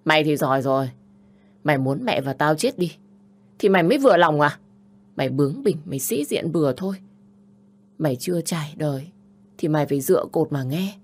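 A woman's voice: deep voice, animated, a little fast, pauses often. A woman voicing a bossy, scolding older sister. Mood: furious. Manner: nagging, scolding, harsh.

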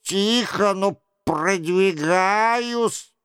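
A man's voice: sits high, very slow, a bit bright, smooth, no echo, studio quality, heavily acted. A man voicing a stout noble duke who talks in a breathless, straining voice in an audiobook. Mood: strained urging. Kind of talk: audiobook character voice.

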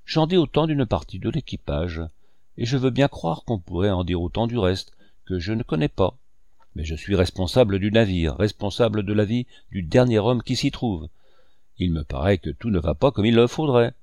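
A man's voice: on the low side, lively intonation, normal speed, mellow, no room sound, studio quality. A man reading an audiobook, voicing a blunt male ship captain who speaks formally and firmly. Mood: stern. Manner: formal, firm, clipped.

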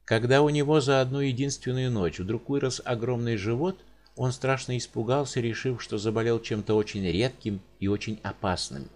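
A man narrating an audiobook in an expressive storytelling manner. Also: medium pitch, normal speed.

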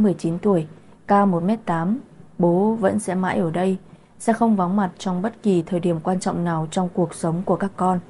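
A woman voicing a tender, devoted young husband in a storybook reading, speaking softly. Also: fairly low pitch. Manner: soft, doting.

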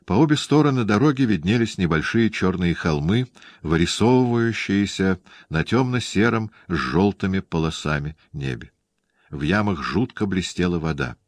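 A man narrating an audiobook in a measured, even reading style, recorded on a close studio mic. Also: deep voice, dry recording.

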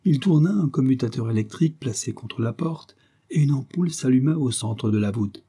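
A man narrating a classic detective novel in a steady, measured audiobook reading. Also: medium pitch, husky.

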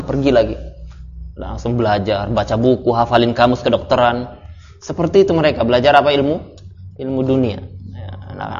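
A man's voice: medium pitch, darkish tone. A male religious teacher telling chatty stories with laughs during an informal study lesson, in a dull, slightly noisy recording. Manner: chatty storytelling with laughs and asides. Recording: dull lo-fi recording, faint noise.

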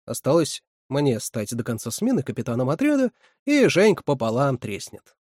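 A man voicing a cheeky teenage boy at summer camp who teases and whines, with a husky voice. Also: medium pitch, huge pitch swings, normal speed, a little mellow, no echo, clean studio sound. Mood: teasing. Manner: teasing, whiny.

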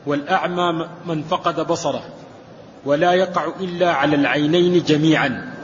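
A man reading a classical commentary aloud to a teacher in a lesson, in a steady, measured recitation. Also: fairly high pitch, slight background noise. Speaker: student reading the text aloud. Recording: dull recording with long hall reverb.

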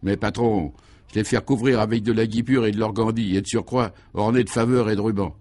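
A man's voice: fairly low pitch, fairly even intonation, fairly quick, a little mellow, no echo, natural voice. A man voicing a meek, sheepish police inspector in a vintage radio play, speaking in an apologetic, plaintive way. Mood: pleading.

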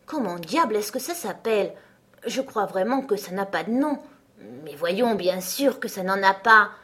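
A woman's voice: medium pitch, lively intonation, normal speed, a bit bright, natural voice. A woman voicing Alice, a curious, somewhat timid young girl, thinking aloud in a searching, puzzled way.

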